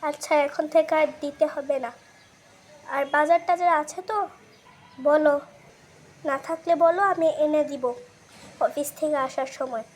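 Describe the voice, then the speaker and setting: A girl voicing a tired, easygoing father in a doll-play skit, speaking calmly to smooth things over. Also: high-pitched, unhurried, long pauses. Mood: grumbling.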